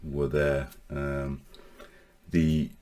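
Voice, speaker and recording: This is personal storytelling to camera by an online safety vlogger: a man in his forties, originally from Northern Ireland. He talks hesitantly in a very deep, low voice, often starting phrases over, and keeps a flat, even tone. His accent is mostly English now, with some Northern Irish traces.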